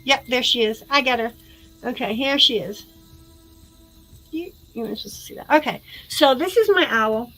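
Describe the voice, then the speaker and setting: A middle-aged woman chatting on a live stream in a bright, forceful voice. She is excitable and swears casually, and her voice sits a little high. She drifts away from her computer mic now and then. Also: normal speed, soft background music, low-quality recording. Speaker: spiritual live-stream host.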